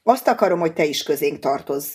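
Storybook part: woman reader as a coaxing alien-hybrid young man, husky, calm. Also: low voice. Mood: soothing. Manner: calm, patient, persuasive.

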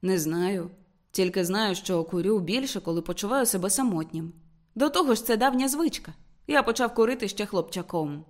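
A woman reading an earnest young working man in a storybook, in her own mid-pitched voice. He speaks plainly and matter-of-factly, devoted and straightforward. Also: expressive, moderate pace, lightly acted. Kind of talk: audiobook character reading.

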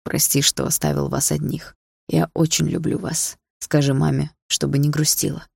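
A tender young father in an audiobook , acted by a woman, low and gravelly, speaking slowly and softly. Dry, close sound. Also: no room sound, exaggerated voice. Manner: slow, soft, tender. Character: gentle young father, a pilot, seen in a dream.

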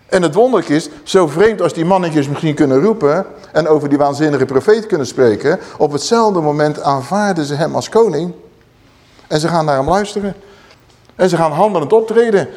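Animated preacher man, raised voice. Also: fairly high pitch. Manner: lively Bible storytelling with blunt colloquial asides. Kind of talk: sermon.

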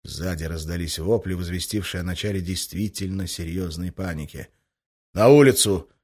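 A man narrating an action-packed audiobook in a brisk, tense manner. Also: low voice, fairly even intonation, husky. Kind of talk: scripted narration.

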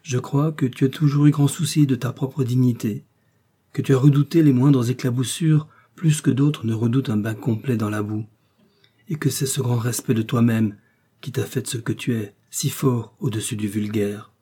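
A man's voice: medium pitch, fairly even intonation, normal speed, warm tone, breathy edge, close to an everyday voice. A man reading the lines of a proud, disdainful aristocratic woman.

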